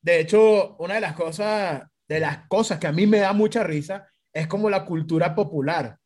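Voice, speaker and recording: A man's voice: sits high, normal speed, a little mellow. A man with a Venezuelan accent telling a story in casual chat, acting out the voices of the people in it and laughing often.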